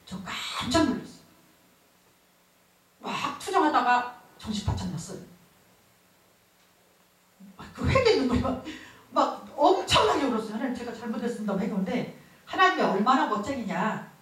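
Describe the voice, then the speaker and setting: A woman pastor with a high, lively voice preaches a revival sermon woven with her own testimony, laughing as she tells it emotively. She talks at a normal speed with frequent pauses, recorded from a distance in an echoey large church hall at a revival meeting.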